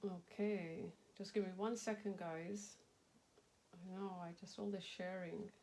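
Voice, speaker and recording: Hosting a craft stream, a middle-aged woman chats loosely and rambles with her viewers, laughing readily and calling people by name. Her slightly nasal voice has a medium pitch, a steady tone, a darkish quality, and a slightly slow pace. A bit of hiss or hum sits in the background.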